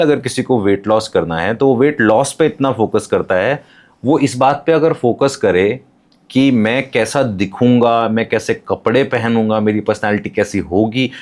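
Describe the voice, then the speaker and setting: A man speaks as a podcast guest in a lowish voice. He explains patiently, giving examples and using English terms. His manner is calm and instructive.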